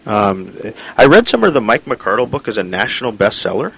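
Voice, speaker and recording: A man hosting an interview, measured and full of "uh" fillers. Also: lowish voice, sing-song, vocal fry, a bit bright, slightly rough, low-quality recording. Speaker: radio interview host. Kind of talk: interview with a scripted introduction.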